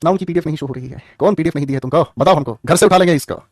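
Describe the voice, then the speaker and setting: A young man from the teaching English grammar in an online class, teasing students by name with quick jokes. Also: a little high, dry recording, clean studio sound.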